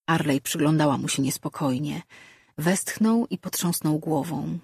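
Slow, husky woman narrating an audiobook. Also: deep voice, darkish tone, no room sound, clean studio sound. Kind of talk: scripted fantasy narration.

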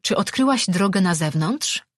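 A man's voice: sits high, animated, normal speed, no room sound, clean studio sound. A man voicing a commanding holy woman leader who gives orders.

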